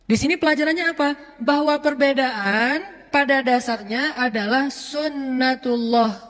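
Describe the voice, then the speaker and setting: A male Islamic preacher giving a relaxed, humorous sermon, acting out everyday examples. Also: very high voice. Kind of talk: casual conversational sermon. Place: lecture hall or mosque hall. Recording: long hall reverb.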